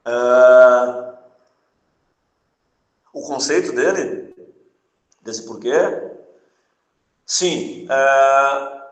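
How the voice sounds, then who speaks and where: A man's voice: mid-range voice, fairly bright tone, roomy sound, poor audio. A male teacher giving an adult-education grammar lesson. He is chatty, repeats his points, tags his sentences with little checks for agreement, and jokes with the class before going back to the rule. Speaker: Portuguese teacher.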